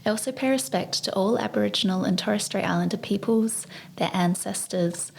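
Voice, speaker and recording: Gravelly-voiced woman hosting. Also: medium pitch. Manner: warm, measured, scripted introductions. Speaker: guest host. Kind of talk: podcast interview.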